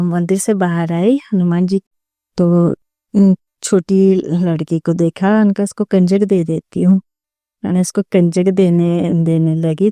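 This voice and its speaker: A young woman recounts a personal devotional experience in an earnest, reflective manner, with pauses and restarts. Her voice is very mellow and soft-toned, sitting a little low for a woman. It sounds close and dry, with no room around it. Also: no echo. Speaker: devotee sharing a personal story. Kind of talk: personal testimony, slow storytelling.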